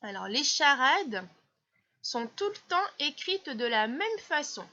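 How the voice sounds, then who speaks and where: A woman from France, a primary school teacher explaining a lesson slowly and patiently, step by step. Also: high voice, very animated, sharp tone, dull audio. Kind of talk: classroom explanation.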